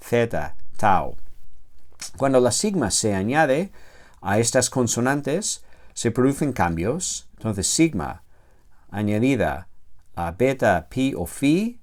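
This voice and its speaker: A man teaching a grammar lecture, slow and halting, with many self-corrections and filler sounds, drawing out the word forms he spells. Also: on the low side. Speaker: theology teacher.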